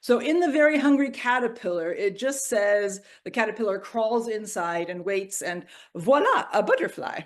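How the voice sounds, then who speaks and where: A middle-aged woman giving a personal storytelling reflection at a church service, moving from playful to hushed and grave. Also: mid-range voice, animated, normal speed, few pauses. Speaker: worship reflection speaker.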